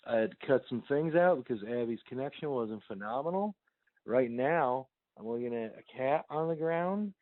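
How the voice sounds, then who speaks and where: A man's voice: mid-range voice, no echo. A man hosting a podcast, rambling and joking in a casual chat, heard over a landline phone voicemail. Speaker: podcast host. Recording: tinny phone line, dry.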